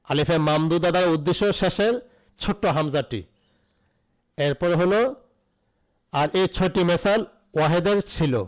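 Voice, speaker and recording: A man's voice: on the high side, low-quality recording. A man teaching an online Arabic grammar lesson, spelling out root letters and asking questions that he answers himself.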